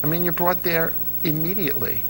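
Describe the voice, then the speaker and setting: Over music on a rough recording, a man with a fairly high, brisk voice hosts a casual, nostalgic interview. He tells stories with real enthusiasm, restarting his sentences often.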